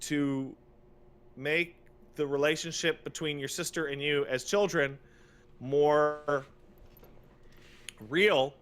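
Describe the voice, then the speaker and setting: A man co-hosts a podcast, delivering a casual, opinionated rant with exasperation and emphasis, repeating phrases for effect and swearing freely. His voice sits on the high side and is a bit bright with a clean tone, and he takes it slowly with long pauses.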